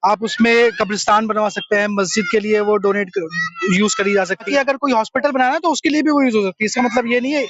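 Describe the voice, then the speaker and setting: A man's voice: high-pitched, quick pace, few pauses, background noise. Earnest young man explaining. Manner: earnest, explanatory, mixes English terms. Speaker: interviewee. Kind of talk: street interview. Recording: dull lo-fi sound.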